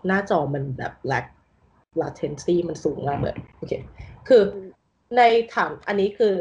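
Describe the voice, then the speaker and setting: A woman with a fairly low voice talks casually through a design problem, thinking aloud and dropping English terms into her sentences. Her voice comes over a video call and sounds muffled, with a faint hiss and keyboard clicks behind her. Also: a little mellow. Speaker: design interview candidate. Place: bedroom at home with a loud roommate. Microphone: computer mic on a video call.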